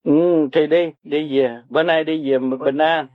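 The clip is a dull, dry lo-fi recording of an older man with a Southern Vietnamese accent offering earthy, blunt and repetitive Buddhist teaching to listeners, folksy and spiritual in tone. His pitch is a little high, his intonation fairly even, and he talks a little slowly with no room sound.

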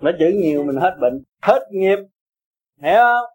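A man's voice: high voice, expressive, moderate pace, a little mellow, husky, poor audio. A man giving a blunt, emphatic Buddhist talk to his followers, coaxing and scolding them by turns. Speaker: Buddhist teacher.

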